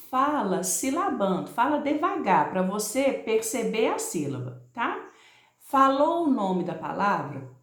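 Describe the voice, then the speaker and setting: A middle-aged Brazilian woman talking as a first-grade teacher, calm and patient, at an average pitch for a woman. She spells out each step slowly for small children and keeps checking that they follow. Her voice carries a noticeable echo from the room. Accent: Brazilian Portuguese. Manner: patient, explains slowly, ends phrases with "tá?". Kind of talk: recorded class message to young pupils and parents.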